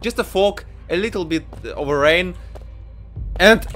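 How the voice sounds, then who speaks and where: A man giving excitable let's-play commentary, yelping and repeating words in mock panic. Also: sits high, normal speed, soft background music. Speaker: gaming channel host.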